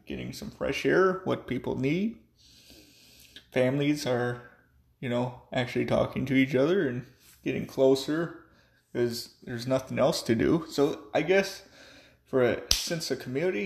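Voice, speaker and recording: A tipsy man rambling offhand in a casual vlog monologue, swinging between loud bursts and mumbles. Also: mid-range voice, vocal fry, roomy sound. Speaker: vlogger.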